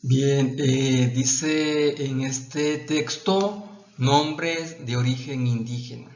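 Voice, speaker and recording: A male Mexican history teacher explaining a textbook lesson to his students, pausing and restarting his phrases. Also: mid-range voice. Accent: Mexican Spanish. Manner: halting, repeats words and restarts, addresses students as "jóvenes". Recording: echoey, dull lo-fi room sound.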